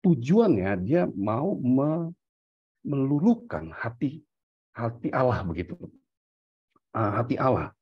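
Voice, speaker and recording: Husky man musing through theology. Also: mid-range voice, big pitch swings, slow, pauses often, no echo, dull audio. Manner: thinking aloud with many fillers and self-corrections; mixes in English terms. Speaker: discussion panelist. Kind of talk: theological discussion.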